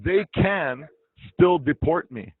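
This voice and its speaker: A man's voice: a little high, animated, takes it slowly, husky, dry recording. A man from Iraq, an interview guest, talking bluntly and swearing freely. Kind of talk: casual interview talk. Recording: dull lo-fi dry sound.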